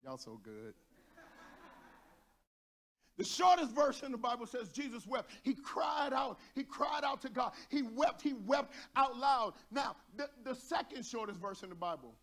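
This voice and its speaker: Texan guy pastor preaching in church, pretty high voice, gets loud then jokes around with the crowd. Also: normal speed, hardly any pauses. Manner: animated preaching, shouting at peaks, joking with congregation. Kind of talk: sermon. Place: church sanctuary.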